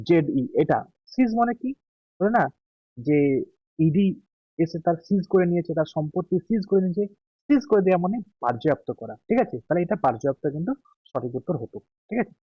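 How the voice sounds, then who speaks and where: A man with a Bengali accent, an exam tutor going through answer keys slowly, stretching out English words and checking in often. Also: high voice, slightly rough, no echo, dull audio.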